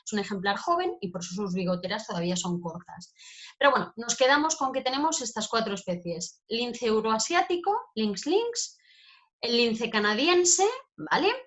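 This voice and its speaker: A woman's voice: on the high side, sing-song, normal speed, a bit bright. A woman giving an informal talk over slides as a wildlife educator, chatty and full of check-in tags. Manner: chatty, peppers phrases with "¿vale?".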